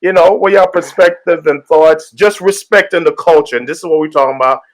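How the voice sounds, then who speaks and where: Pastor hosting a casual podcast, somewhat higher voice, energetic shout-outs and loose, filler-heavy talk. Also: male voice, brisk. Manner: hype greetings, rambling with fillers. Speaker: host and pastor.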